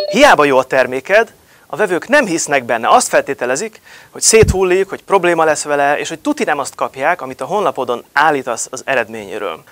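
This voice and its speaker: This thirty-something man pitches to camera as a marketing speaker, leaning hard on emphasis and rhetorical questions. Recorded on a lapel mic in a studio, his voice is fairly high and slightly bright.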